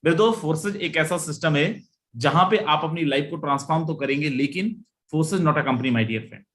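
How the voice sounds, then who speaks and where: Emphatic man pitching a webinar. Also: normal speed, a bit bright. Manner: emphatic and repetitive, rising on each "my friend". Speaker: webinar presenter. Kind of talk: live sales webinar pitch.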